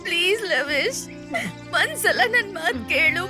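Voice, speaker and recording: A woman's voice: very high-pitched, animated, moderate pace. An actress dubbing a guilt-stricken young woman who tearfully begs her friends to flee, in a film soundtrack with music and crowd sound. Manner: tearful pleading. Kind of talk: Kannada film dub.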